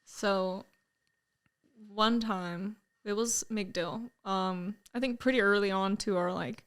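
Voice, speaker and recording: A woman's voice: mid-range voice, slow, smooth. A young woman guest on a podcast, chatting casually, telling stories in an easygoing, upbeat way and laughing along. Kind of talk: casual chat.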